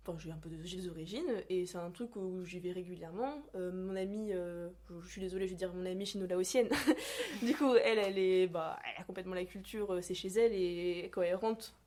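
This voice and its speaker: A young woman from France chats in a relaxed, unscripted way. She hesitates often, trails off and fills pauses while hunting for the right words. Her voice sits at an ordinary middle pitch. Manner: hesitant, searching for words, many fillers. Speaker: podcast guest. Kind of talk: casual conversation.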